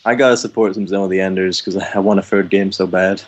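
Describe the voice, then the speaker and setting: A man's voice: deep voice, steady tone, quick pace, highs cut off. A man chatting casually about video games, with blunt, dismissive remarks. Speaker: podcast co-host.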